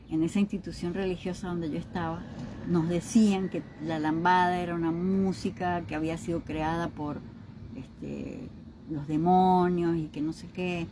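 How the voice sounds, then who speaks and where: A woman's voice: lowish voice, background noise. A woman giving an informal teaching talk on emotional healing. She keeps checking in with her listeners through short questions. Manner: acts out other people's remarks in quoted voices.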